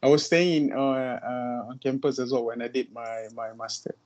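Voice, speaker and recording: A man's voice: mid-range voice, fairly even intonation, moderate pace, darkish tone, muffled recording. Hesitant male instructor on a video call. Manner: hesitant, many fillers and restarts. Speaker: course instructor. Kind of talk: online class introductions.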